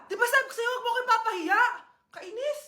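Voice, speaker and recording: A woman's voice: very high voice, quick pace, sharp tone, reverberant. A woman from the Philippines acting out short comedy skits in an exaggerated, bratty, scolding manner. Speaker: comedy skit performer.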